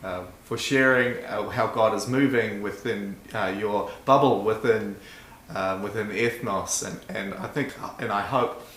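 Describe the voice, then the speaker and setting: A man hosting a casual church interview, speaking in a halting, encouraging way. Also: lowish voice, fairly bright tone. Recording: echoey room, faint background noise.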